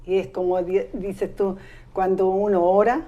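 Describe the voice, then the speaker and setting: Woman, church talk co-host, mellow dark tone, calm affirming delivery. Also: mid-range voice, a little slow, lo-fi sound. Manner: warm affirming, calm testimony. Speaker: co-host of women's ministry talk. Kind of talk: casual faith talk.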